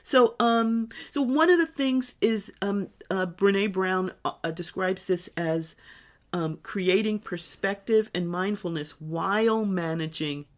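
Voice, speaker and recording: A woman's voice: medium pitch, unhurried. A woman in her sixties, co-hosting a podcast in casual chat, telling reflective stories in a chatty way. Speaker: podcast co-host.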